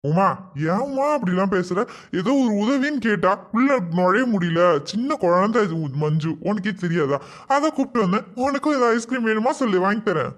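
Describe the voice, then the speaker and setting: A performer playing a smooth-talking, coaxing man. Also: mid-range voice, lively intonation, moderate pace, natural voice. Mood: defensive. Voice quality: soft, coaxing. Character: sweet-talking man doting on another woman's child. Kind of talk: village comedy sketch acting.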